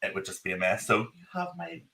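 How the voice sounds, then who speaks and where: A man's voice: fairly low pitch, big pitch swings, fast, creaky, very noisy. A man with a strong Northern Irish accent, hosting a live podcast in a casual, chatty style. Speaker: podcast host. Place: office. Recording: roomy echo on the voice.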